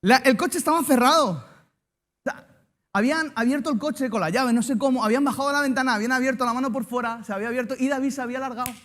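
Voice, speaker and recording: A man's voice: extremely high pitch, fast, fairly bright tone. A man from Spain with a Spanish accent, a pastor preaching a sermon and telling a personal story with jokes and banter aimed at the congregation.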